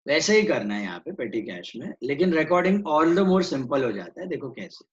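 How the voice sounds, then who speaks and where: A man's voice: medium pitch, sing-song, moderate pace, muffled recording. A man teaching an online accounts class, switching between Hindi and English and quizzing his students.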